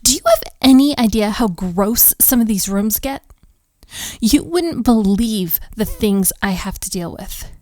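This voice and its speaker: A woman plays a flustered, overworked, sharp-tongued hotel maid in a romantic roleplay audio drama. Her voice is on the high side, animated and unhurried, with a sarcastic, exasperated, sighing delivery that sounds bitter and scornful. There is no echo.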